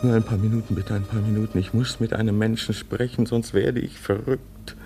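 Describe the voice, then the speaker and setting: A man's voice: fairly low pitch, steady tone, dark tone, soft background music, close to an everyday voice. An actor in a radio play voicing a man in his thirties, anxious and pleading that he is not mad. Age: 30s. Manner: urgent, pleading, rushing. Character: anxious male driver, 36, fearing madness.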